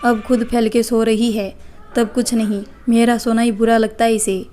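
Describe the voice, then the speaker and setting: A woman voicing a teasing, wisecracking young husband in a storybook, in an even, flat delivery. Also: a little high, normal speed, close to an everyday voice.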